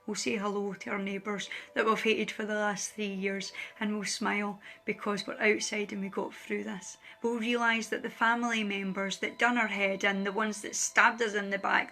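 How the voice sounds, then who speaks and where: A woman's voice: medium pitch, pushed and bright. Emotional woman pleading earnestly. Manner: earnest, pleading, repeats phrases for emphasis. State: emotional, close to tears. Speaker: spiritual light worker. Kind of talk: heartfelt direct address to viewers.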